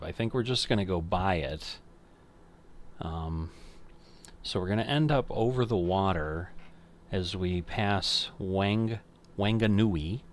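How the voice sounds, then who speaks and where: With a low voice and slight noise in the background, this older flight sim streamer offers relaxed commentary on the game, reasoning out loud and fixing his own remarks as he goes.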